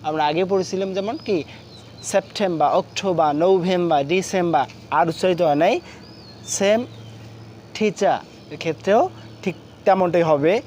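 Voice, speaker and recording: A man with a Bangladeshi accent teaching an English pronunciation lesson, repeating words slowly and deliberately. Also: high voice, a little mellow, a little hiss or hum. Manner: repetitive drilling, slow and deliberate. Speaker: English teacher and course founder.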